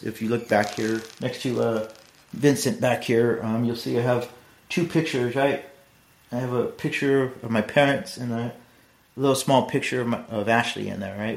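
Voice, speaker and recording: A middle-aged man hosting a podcast, talking in a blunt, rambling and earnest casual monologue. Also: lowish voice. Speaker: podcast host.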